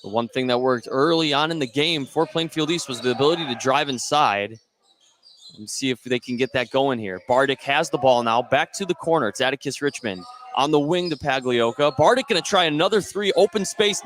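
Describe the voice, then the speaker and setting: A man calls a live indoor basketball game on the radio as the play-by-play announcer, tracking the action in clipped, running phrases. His voice is mid-range, fairly quick and fairly bright. The noise of the live gym comes through clearly behind him.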